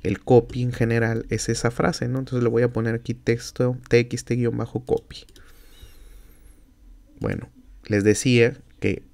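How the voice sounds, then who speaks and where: Speaking at a medium pitch with a Mexican Spanish accent, a male university instructor narrates a screen-recorded software lesson. Each step gets explained out loud, peppered with fillers and self-corrections.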